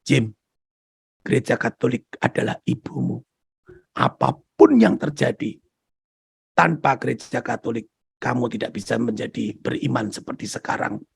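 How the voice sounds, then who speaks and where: A preacher voicing Jesus as a gentle, patient divine man, speaking softly and in a hushed tone. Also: mid-range voice, vocal fry, husky, no room sound, studio quality, pitched below the performer's own voice, heavily acted. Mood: tender. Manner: soft, hushed, slow.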